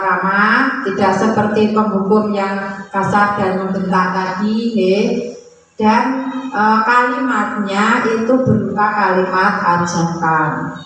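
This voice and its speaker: Presenting to fellow teachers, a woman explains classroom roles, now and then acting out scolding and friendly lines a teacher might say to a pupil. Her mid-range voice is a bit bright, picked up from far off in an echoey room with faint noise.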